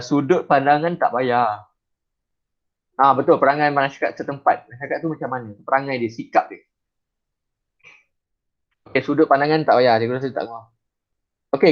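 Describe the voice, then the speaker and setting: A male teacher with a Malaysian Malay accent, giving a chatty classroom lesson and reciting sample verse lines slowly. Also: medium pitch, highs cut off.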